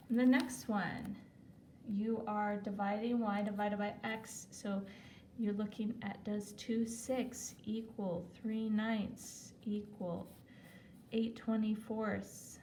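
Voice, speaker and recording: A woman's voice: medium pitch, dark tone, a little hiss or hum. A woman teacher walking students through math problems in a recorded video lesson, chatty and correcting herself as she writes. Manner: chatty, talks while writing, self-corrects. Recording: echoey room, voice a bit far from mic.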